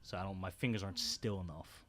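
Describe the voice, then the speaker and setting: A man's voice: low-pitched, fast talker, a bit bright, faint music behind. A man co-hosting a casual podcast, telling rambling, slangy stories with some swearing. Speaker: podcast co-host. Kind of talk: casual chat.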